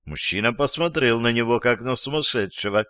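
A man's voice: medium pitch, a little fast, sharp tone, no room sound. Dry-sounding male audiobook narrator. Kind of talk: scripted narration.

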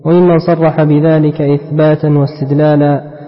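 Man reading aloud in a lesson, flat delivery, slightly high voice, echoing hall. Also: moderate pace. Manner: reads steadily, repeating phrases when asked. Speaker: student reading the text aloud. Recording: dull lo-fi sound in a reverberant hall.

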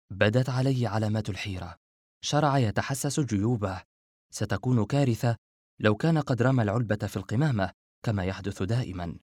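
A man reading a story aloud as an audiobook narrator, in a steady, measured way. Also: lowish voice, dry recording, studio quality.

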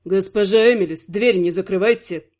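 A woman voicing a stern young male crown prince in a fantasy audiobook, with a lowered, clipped, cold delivery. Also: moderate pace, a little mellow, natural voice.

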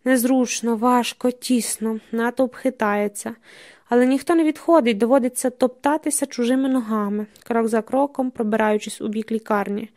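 A woman reading literary prose aloud, steady and measured with tense dramatic emphasis. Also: a little high. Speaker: audiobook narrator. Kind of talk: scripted literary narration.

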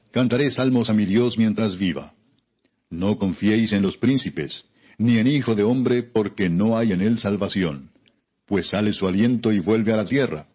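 A man narrates scripture in a solemn, measured audiobook style. His voice sits fairly low and has a distinctly husky grain. The recording is a little dull and lo-fi. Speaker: Bible narrator.

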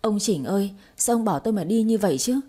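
Woman voicing a coarse grieving old widow in a storybook, harsh and loud, husky. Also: mid-range voice, expressive, quick pace. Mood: furious. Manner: harsh, cursing, wailing.

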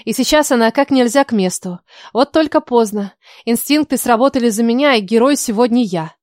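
A woman reads a first-person story with a wry, ironic turn of phrase. Her voice sits somewhat high, and the recording is close and completely dry. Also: a little fast, darkish tone, no echo. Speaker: audiobook narrator. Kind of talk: first-person audiobook narration.

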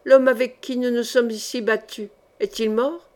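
A hired swordsman, growling yet scared to the bone, as a woman reads him. The voice runs a little high. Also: steady tone, normal speed, lightly acted. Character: frightened hired swordsman, Scasse.

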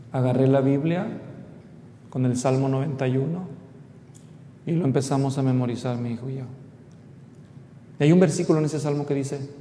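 A middle-aged man preaching an expository sermon, telling family stories and speaking straight to the congregation. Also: mellow. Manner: storytelling, addresses the congregation directly. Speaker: pastor. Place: church hall. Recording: echoey hall with faint rumble.

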